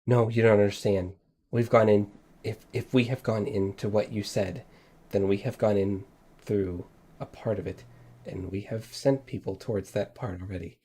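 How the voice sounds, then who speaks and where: A man voicing a worried female hobgoblin crew member in a tabletop game, hushed, insistent and grim. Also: lowish voice, big pitch swings, brisk, slightly rough. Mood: worried, urgent.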